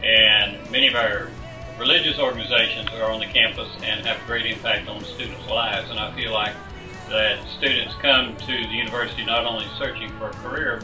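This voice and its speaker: Measured low-voiced university president. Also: male voice. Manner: measured, halting. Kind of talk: interview answers. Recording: roomy sound from a distant mic with music behind.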